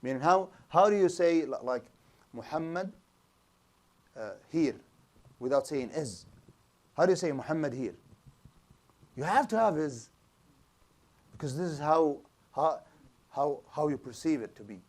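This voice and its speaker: With a fairly high, darkish voice, the man speaks in an animated yet measured way, leaving long pauses. He's an Islamic studies teacher lecturing in a small room with a projector screen, explaining, asking rhetorical questions, and restarting often.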